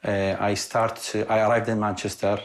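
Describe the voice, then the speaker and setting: A man from Iraq, a property developer, answering interview questions in halting, slightly broken English with many pauses. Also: fairly low pitch, flat delivery. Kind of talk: on-site interview.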